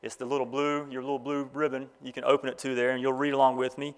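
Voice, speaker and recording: A man's voice: medium pitch, level tone, clean tone. A man giving a graduation address, telling stories in a folksy way and reading from the Bible. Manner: folksy storytelling, speeding up and slowing down. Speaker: graduation speaker.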